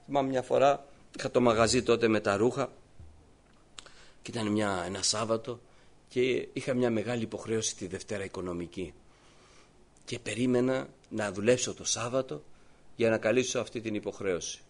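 A man preaching a sermon, moving between quiet storytelling and loud, fervent proclaiming. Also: fairly low pitch, long pauses. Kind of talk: evangelical sermon.

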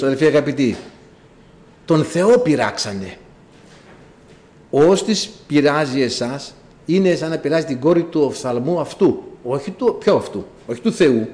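A man preaching a sermon, telling a story with low asides and sudden high cries. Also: darkish tone.

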